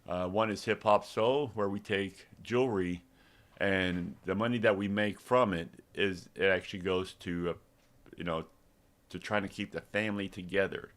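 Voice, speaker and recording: With a low, slightly bright voice, a developer from Texas who also runs a small business talks through a live demo. The middle-aged man is casual and rambling, often restarting and leaning on fillers.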